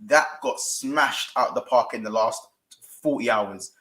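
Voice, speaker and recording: A man with a London accent hosts a football fan show, talking casually and slangily and addressing viewers directly. His medium-pitched voice is sharp in tone and measured in pace, and the recording sounds roomy and echoey.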